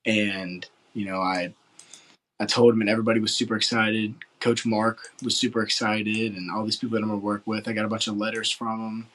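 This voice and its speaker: A man's voice: fairly low pitch, level tone, fairly quick, a bit bright, rough recording. A man in his late teens from West Virginia, answering interview questions in an earnest, rambling way full of filler words. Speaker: football recruit interviewee.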